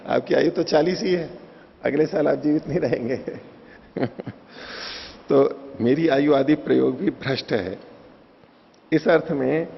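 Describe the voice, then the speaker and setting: A man lecturing on Vedic philosophy, turning his points with everyday examples. His voice is gravelly. The recording is dull and lo-fi, with a long hall reverb. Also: mid-range voice. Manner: explains with homely examples, chuckles. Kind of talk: Hindi lecture on scripture.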